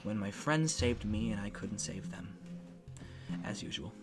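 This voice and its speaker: A man playing a tabletop game, speaking low and downcast in character and plainly as a player. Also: lively intonation, measured pace, over music.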